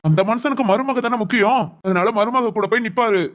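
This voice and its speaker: A stubborn, hot-headed grown son in a cartoon, voiced by a woman, fiercely protective of his mother. He talks very fast, ranting and insisting on getting his way. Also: fairly high pitch, close to an everyday voice. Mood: indignant. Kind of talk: Tamil family cartoon voice acting.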